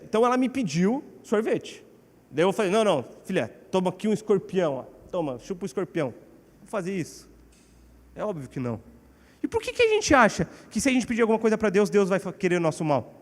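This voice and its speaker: A man with a Brazilian Portuguese accent preaching a sermon in a church, animated and acting out quotes. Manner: animated, acts out quotes with shifting pitch. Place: church hall. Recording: church hall with long reverb.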